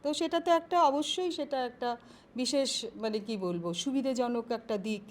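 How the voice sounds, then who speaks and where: A woman professor answering interview questions on careers in a measured, explanatory way, pausing often to find her words. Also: fairly high pitch, slight background noise. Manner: measured, explanatory, with frequent pauses and fillers.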